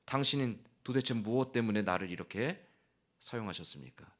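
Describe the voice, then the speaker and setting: A man's voice: lowish voice, expressive, brisk, a bit bright. A man voicing an angry, bitter male prophet who rants at God in anguished outbursts. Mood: despairing.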